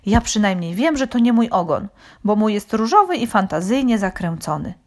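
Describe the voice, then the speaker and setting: A woman's voice: medium pitch, big pitch swings, normal speed, voice pushed up. A woman voicing a sensible, decisive female pig in a children's story. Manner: practical and decisive.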